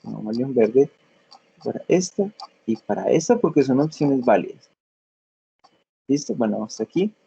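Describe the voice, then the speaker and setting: A man's voice: mid-range voice, expressive, moderate pace, vocal fry, pauses often, warm tone, breathy edge, dull audio. A man teaching a class, explaining patiently step by step and often checking that students follow. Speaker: English teacher. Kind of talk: classroom lesson.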